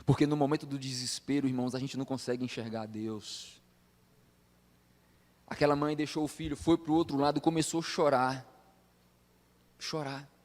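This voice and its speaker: Male preacher, impassioned, hushed-to-loud swings, long hall echo. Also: medium pitch. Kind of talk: sermon. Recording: long hall reverb with faint music behind.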